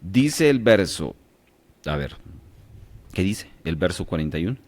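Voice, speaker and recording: A man with a low voice leads a radio Bible class, his pitch swinging up and down as he quizzes his listeners. he keeps stopping to check that they are following before moving on. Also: big pitch swings, measured pace, darkish tone. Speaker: Bible study teacher.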